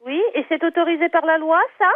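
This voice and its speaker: A woman's voice: very high voice, flat delivery, fast talker, dry recording. A woman from an animal shelter on the phone, indignant and insistent. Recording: tinny phone line.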